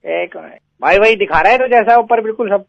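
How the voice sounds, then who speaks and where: A man's voice: high-pitched, fairly quick, vocal fry, no room sound. A man on a prank phone call who sounds puzzled but does what he is asked. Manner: puzzled but goes along.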